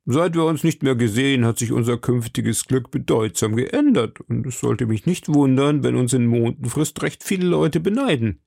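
A man's voice: medium pitch, animated, moderate pace, vocal fry, few pauses, dark tone, no echo, studio quality. A man reading an audiobook, voicing a vain, greedy middle-aged shopkeeper with a pompous, self-important manner.

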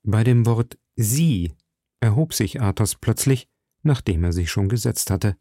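A man narrating a classic novel in a measured, steady, deliberate way. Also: on the low side, no echo, clean studio sound. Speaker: audiobook narrator.

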